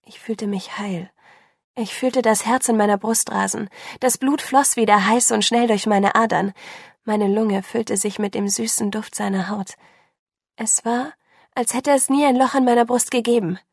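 A woman reads a novel aloud in the first person, her voice gravelly and a little husky. The delivery is intense and breathless, close and dry. It sounds like a focused audiobook reading. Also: a little high, steady tone, normal speed, no echo. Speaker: audiobook narrator.

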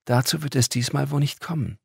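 A man voicing an ancient, polite female angel who speaks gently and pleads for help. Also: medium pitch, a little fast, creaky, husky, no echo, clean studio sound, voice pushed up, exaggerated voice. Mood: calm.

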